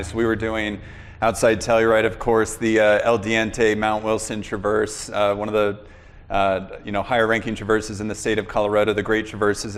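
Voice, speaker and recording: A man's voice: on the low side, big-room sound. A man hosting an interview, telling a long story in a rambling way with many fillers. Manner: rambling, fills pauses with "you know" and "uh". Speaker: podcast host interviewing a guest.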